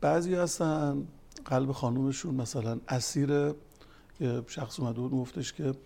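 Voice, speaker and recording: A family counselor and religious speaker gives a talk that blends counseling anecdotes with scripture quotations, becoming more emphatic as it goes on. His voice is medium-pitched, steady, creaky, and dark.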